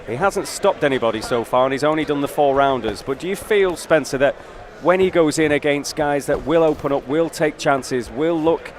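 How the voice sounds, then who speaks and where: A man's voice: a little high, moderate pace. A man giving live boxing commentary as the lead commentator at ringside. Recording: clear venue noise behind commentary.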